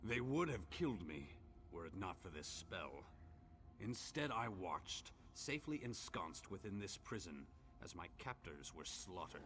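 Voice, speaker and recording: A man's voice: low-pitched, fairly bright tone. An actor playing an ancient imprisoned orc in a fantasy game, bitter and lovelorn, telling his tale in solemn, archaic, theatrical speech. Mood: grave. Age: old. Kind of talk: dramatic fantasy game dialogue.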